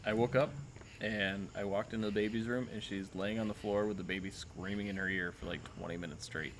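A man's voice: fairly low pitch, fairly even intonation, fairly quick, a little hiss or hum. A man co-hosting a podcast in casual chat, making dry, self-mocking jokes. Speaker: podcast co-host.

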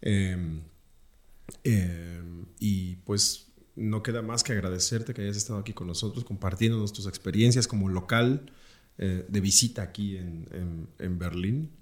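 A man's voice: low-pitched, measured pace. A man hosting a casual podcast chat, recorded in a roomy space. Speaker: podcast host. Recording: roomy echo.

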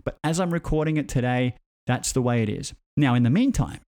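Man, mid-pitched voice, tech commentator, casual joking storytelling. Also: fairly quick. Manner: animated, joking, with lively voiced asides.

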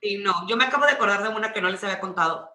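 A Mexican-accented woman tells animated, slang-heavy stories with a lot of swearing. Her voice is bright and forceful. The room adds a noticeable echo. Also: mid-range voice, very fast. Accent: Mexican Spanish. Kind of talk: casual chat.

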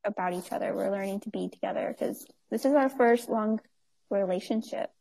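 Brisk and warm, with some vocal fry in her mid-range voice, a young nonprofit owner in her twenties chats as an interview guest. She laughs readily and uses lots of fillers.

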